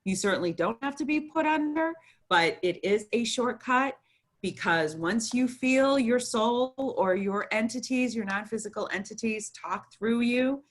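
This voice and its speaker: A woman's voice: a little high, lively intonation, measured pace. A woman co-hosting a casual spiritual conversation, guiding and prompting her partner. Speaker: podcast co-host, former therapist trainee.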